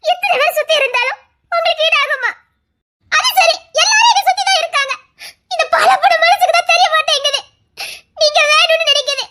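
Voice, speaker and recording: A woman voicing a hurt young wife in a Tamil audio drama, pleading and tearful, rising to shouts. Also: very high-pitched, brisk. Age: young adult.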